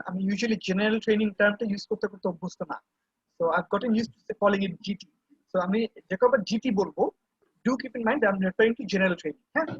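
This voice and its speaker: A man teaching an IELTS class, switching between Bengali and English and pausing often with fillers. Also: high voice, slightly rough, dry recording. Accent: Bangladeshi. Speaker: IELTS instructor. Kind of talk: online class lecture. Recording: dull, lo-fi class recording.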